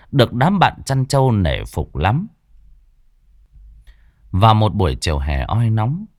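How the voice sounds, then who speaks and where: Man telling ghost stories, animated. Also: lowish voice, dry recording, clean studio sound. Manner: dramatic storytelling. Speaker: storyteller. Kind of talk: ghost story narration.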